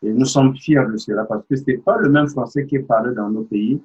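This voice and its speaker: Guy hosting an interview, husky voice, explains stuff, muffled audio. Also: medium pitch, fairly quick, darkish tone. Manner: explanatory, addresses the viewer. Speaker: interview host.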